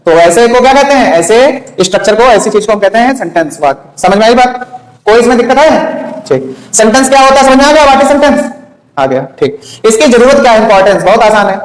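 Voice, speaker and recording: High-voiced teacher in an echoey room. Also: male voice, animated, fairly quick. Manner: keeps checking if students understood. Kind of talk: classroom grammar lesson.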